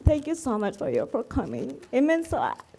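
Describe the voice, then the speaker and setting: A woman's voice: high voice, wildly swooping pitch, normal speed, gravelly, warm tone, a little hiss or hum. A woman speaking as a widow at a memorial, heartfelt, earnest and tender, addressing a room full of mourners. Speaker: widow giving a eulogy. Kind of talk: memorial speech.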